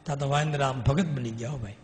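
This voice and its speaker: A man, a swami telling devotional stories in an animated way and acting out the dialogue. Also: mid-range voice, fast. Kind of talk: devotional storytelling sermon. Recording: long hall reverb.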